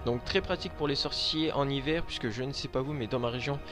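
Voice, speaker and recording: Man from Lorraine, mid-pitched, halting show-and-tell vlogger, soft music behind. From Lorraine, France. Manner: hesitant, many filler sounds. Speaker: vlogger showing his handmade collection.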